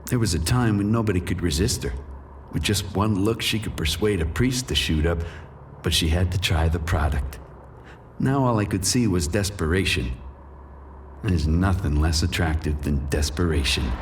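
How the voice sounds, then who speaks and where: A low, near-everyday male voice at an ordinary pace, with a faint hiss or hum in the audio. The actor portrays a menacing, bitter dealer whose cynical, profane narration carries threat; it's scripted noir told in first person, with dialogue, and the tone stays brooding and cynical.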